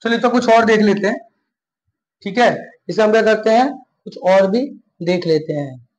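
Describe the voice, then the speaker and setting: A man teaching an English grammar live class, slowly repeating each point and asking questions he answers himself. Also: high-pitched. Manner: slow and repetitive, asks and answers his own questions. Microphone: live class recording. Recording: echoey room with faint noise.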